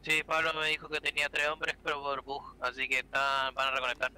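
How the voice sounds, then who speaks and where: A man's voice: medium pitch, completely flat delivery, a little fast, bright, forceful tone, a little hiss or hum, rough recording. A man relaying orders in military radio style as a commander in an online game.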